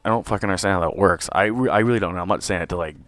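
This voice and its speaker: Male podcast host with a deep voice, slightly hoarse, loose rambling delivery, dry sound. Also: very fast, a bit bright, dry recording. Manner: rambling, profane, with many fillers. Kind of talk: casual solo show review.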